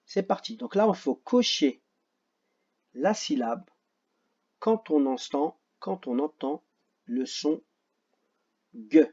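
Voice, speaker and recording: A man with a French accent teaching a phonics lesson to children, slow and patient, repeating each word carefully and joking about his own memory. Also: a little high, lively intonation, darkish tone, husky, dull audio.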